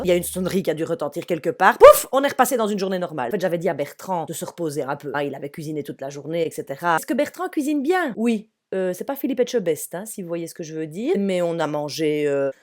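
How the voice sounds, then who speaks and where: Chatty exasperated comic mom. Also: female voice, medium pitch. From Belgium. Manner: chatty, exasperated, animated storytelling. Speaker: comedian. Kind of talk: comic monologue to an unseen therapist.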